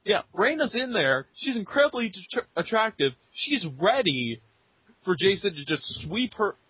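A man's voice: high voice, moderate pace, breathy edge, no echo. A young man co-hosting a casual book chat, talking eagerly and restarting his sentences. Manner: excited, laughing, stumbling restarts. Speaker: podcast co-host. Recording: dull lo-fi recording.

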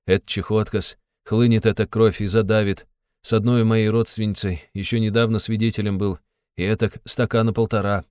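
A man's voice: on the low side, level tone, normal speed, a little mellow, clear, resonant tone, dry recording, clean studio sound, close to an everyday voice. A man reading an audiobook, voicing a polite, fussy clerk who speaks soothingly and deferentially. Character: polite, fussy middle-aged male clerk.

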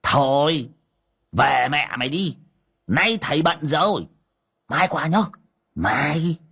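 Guy doing a panicky old village man, whiny and chattering, bouncing pitch. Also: expressive, slow, vocal fry, pushed and bright, slightly rough, heavily acted. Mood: fussing. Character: panicky older village man, wailing and fawning.

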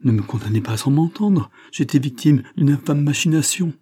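A man's voice: on the low side, animated, normal speed, warm tone, husky. A man reading aloud, voicing a desperate male lover who pleads urgently. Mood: pleading.

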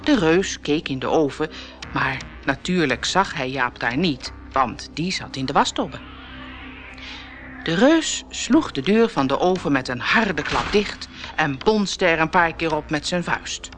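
Expressive woman reading a fairy tale. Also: low voice, measured pace. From Netherlands. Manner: expressive, dramatic storytelling. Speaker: storyteller. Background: background music.

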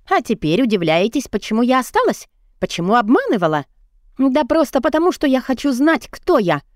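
A woman's voice: fairly high pitch, darkish tone, no room sound, clean studio sound. A woman voicing a defiant young daughter who speaks in a raised, insistent way, her voice lifted above her usual register.

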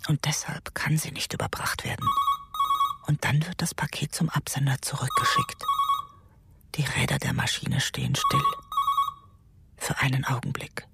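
An actress playing an anxious middle-aged mother who dreads bad news, speaking in a hushed, often half-whispered, tense way in a radio drama. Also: rumbling low, normal speed, gravelly, long pauses, heavy background noise. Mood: brooding. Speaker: lead character and inner narrator. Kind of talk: German radio drama acting. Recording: loud music bed under studio voice.

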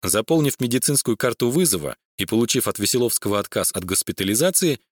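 A man narrating a crime story audiobook in a measured reading voice. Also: mid-range voice, expressive, no room sound, studio quality. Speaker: audiobook reader. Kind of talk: scripted narration.

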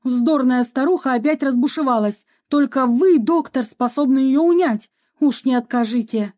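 An agitated retired hussar ghost, voiced by a woman narrator pleads urgently for help. His voice is raised and soft in tone. It sounds like an audiobook reading. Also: high voice, normal speed, no room sound, studio quality, natural voice.

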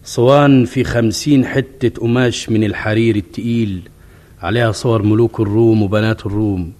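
A man's voice: fairly low pitch, a little mellow, close to an everyday voice. A man playing a grand, boastful folk hero with an Egyptian accent, speaking expansively and with command in colloquial drama dialogue.

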